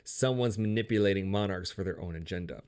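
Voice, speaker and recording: A man's voice: deep voice, fairly quick, a little mellow. A man narrating a casual, comedic video game story recap with a sarcastic, profane, wisecracking delivery.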